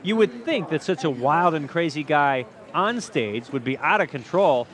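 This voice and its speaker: A man's voice: fairly high pitch, lively intonation, moderate pace, fairly bright tone. A man reporting a light TV feature, reading scripted narration in punchy phrases with playful, dramatic build-ups. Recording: crowd chatter and clear outdoor fair noise. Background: outdoor fair crowd and ambience.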